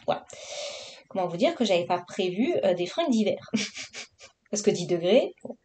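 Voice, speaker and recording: Woman, casual vlog chat, rambling with fillers, warm mellow tone. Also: mid-range voice, big pitch swings, moderate pace. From Marseille, southern France. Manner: chatty and rambling, with many fillers. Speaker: coloring vlogger.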